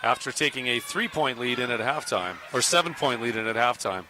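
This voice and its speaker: A man's voice: medium pitch, expressive, brisk, pushed and bright, a little hiss or hum. A man doing play-by-play of a roller derby bout from a parked truck at the venue, easygoing and conversational. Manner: easygoing, with small restarts. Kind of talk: live sports play-by-play.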